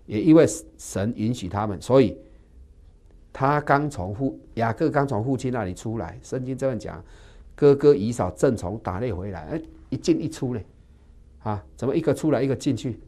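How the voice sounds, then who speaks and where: A man's voice: lively intonation, normal speed. A man preaching an expository sermon. He keeps asking and answering his own rhetorical questions and acts out the people in the verses. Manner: acts out the quoted figures with dramatic swings in pitch and loudness.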